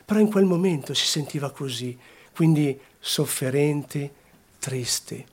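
A man preaching a sermon, slowly and deliberately, repeating phrases and swinging between hushed and raised delivery. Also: fairly high pitch, expressive, breathy edge.

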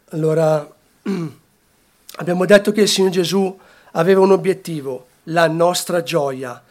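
A man preaching a sermon, slowly and deliberately, repeating phrases and swinging between hushed and raised delivery. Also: high voice.

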